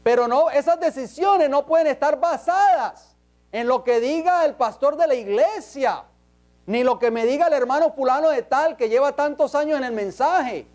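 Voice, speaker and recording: A man's voice: very high voice, moderate pace, a little mellow. A man preaching an emphatic sermon in a church, peppering the congregation with rhetorical questions.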